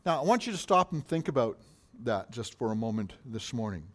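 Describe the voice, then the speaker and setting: A man's voice: medium pitch, very animated, brisk. Man preaching a sermon. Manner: preaching with rising questions and falling, quieter answers. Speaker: pastor.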